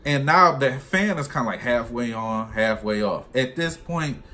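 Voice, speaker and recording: A young trucker's medium-pitched voice, at a moderate pace, animatedly retells a personal story for a vlog in a relaxed, slangy, conversational style. Room noise is plainly audible.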